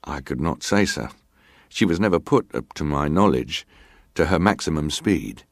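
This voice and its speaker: An actor voices a British ship's officer testifying in a historical drama, in a dramatised reading of hearing testimony. His very low, gravelly voice is expressive and heavily acted, at a moderate pace, with a guarded, matter-of-fact mood. He stays terse, clipped, formal and respectful, recorded dry and close without room echo.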